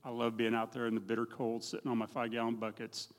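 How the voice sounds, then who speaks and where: A man's voice: mid-range voice, completely flat delivery, quick pace. A middle-aged man giving a plain-spoken, folksy personal testimony in a church, telling his story with a self-deprecating edge. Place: church hall. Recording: long reverb of a church hall.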